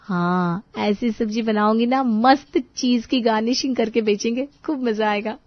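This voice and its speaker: A woman's voice: a little high, normal speed, dry recording, lightly acted. A woman voicing a chatty, boastful young wife in a cartoon who dreams big. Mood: excited. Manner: excited, boastful. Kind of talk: cartoon voice acting. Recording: dull dry studio voice-over.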